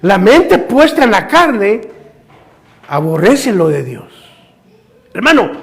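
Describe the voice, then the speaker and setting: A male pastor with an extremely high voice and vocal fry preaches a fervent church sermon, firing off rhetorical questions and addressing his listeners as brother.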